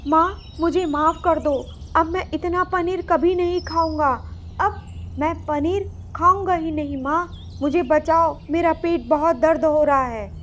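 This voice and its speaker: A woman's voice: very high voice, unhurried, a bit bright, a little hiss or hum. A woman voicing a stubborn, greedy young boy rat in a storybook cartoon, with a whiny, pleading manner. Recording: slightly muffled recording.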